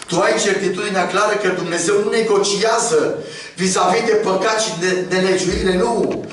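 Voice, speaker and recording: Man, preacher, sermon, fairly high voice, soft low asides and high urgent calls, heavy church echo. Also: steady tone, a little hiss or hum. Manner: addresses congregation as "dragii mei". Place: church hall. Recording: very echoey church hall from far off.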